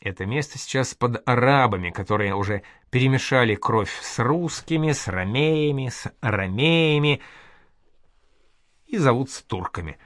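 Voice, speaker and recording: A man's voice: mid-range voice, lively intonation, moderate pace, a bit bright, no echo, studio quality, lightly acted. A man reading an audiobook voices a curious, bookish male scholar asking thoughtful questions.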